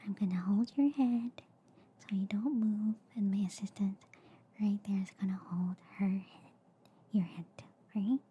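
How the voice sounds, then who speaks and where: Playing an alien doctor in an ASMR roleplay, a woman whispers close to the mic in a soft, breathy, mid-range voice, reassuring yet a bit inept as a surgeon. Her intonation stays fairly even at a moderate, hesitant pace, and the sound is lo-fi.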